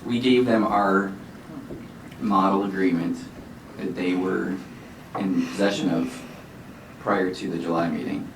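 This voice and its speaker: A man representing an agency at a meeting, answering questions haltingly with many fillers. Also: deep voice, fairly even intonation. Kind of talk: meeting discussion. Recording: echoey room from far off, loud noise.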